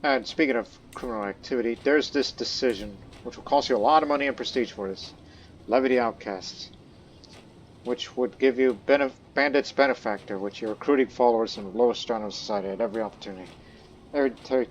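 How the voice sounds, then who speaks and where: Lo-fi audio with slight background noise and faint game music carries this man's mid-range voice. As a let's play host, he rambles casually with many fillers and restarts, at times speaking as his in-game ruler. His first language isn't Croatian, which he learned as a second language.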